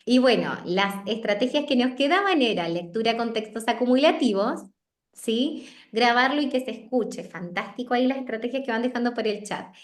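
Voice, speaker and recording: A woman's voice: a little high, lively intonation, moderate pace, reverberant. A woman explaining reading strategies to colleagues in an online meeting. She checks in often with little tag questions. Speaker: literacy presenter. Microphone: video call.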